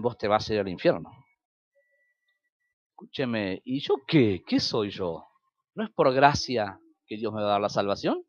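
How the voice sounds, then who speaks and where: A man's voice: mid-range voice, dry recording, highs cut off. A man with an Argentine Spanish accent preaching a sermon as pastor, telling stories and acting out quoted dialogue with sudden rises and drops.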